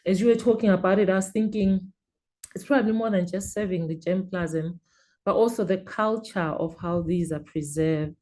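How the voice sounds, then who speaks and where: A woman's voice: lowish voice, mellow. A woman moderating an online panel, speaking in an appreciative, reflective way.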